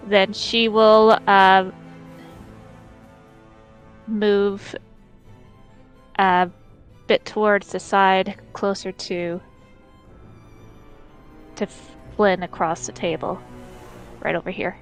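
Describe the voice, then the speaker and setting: A woman's voice: medium pitch, flat delivery, very slow, pauses often, smooth, faint music behind. A woman playing a tabletop role-play game, describing her moves casually and hesitantly.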